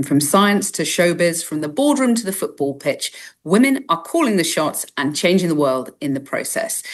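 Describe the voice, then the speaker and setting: Lowish-voiced woman hosting an interview. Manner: scripted introduction, then encouraging interjections. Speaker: podcast host.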